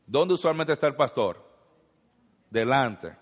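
A male pastor preaching to his congregation, firing rhetorical questions and building repeated lines. His mid-pitched voice carries a long reverb tail, as if recorded in a large church sanctuary. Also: expressive, measured pace. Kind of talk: sermon.

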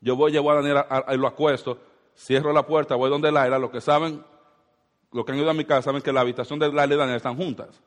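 A man's voice: medium pitch, flat delivery, quick pace, long reverb tail. A man in his thirties preaching a sermon as pastor, asking the congregation rhetorical questions.

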